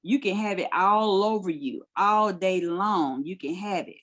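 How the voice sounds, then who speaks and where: A woman's voice: medium pitch, highs cut off. A middle-aged woman, a guest minister, giving direct, colloquial life advice in a casual podcast chat.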